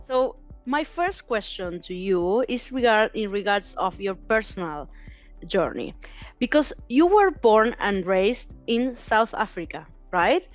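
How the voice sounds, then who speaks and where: A woman hosts a corporate podcast at a middle pitch. She reads friendly, scripted introductions and asks questions over faint background music. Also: very animated, slow pace. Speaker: podcast host. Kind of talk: podcast interview.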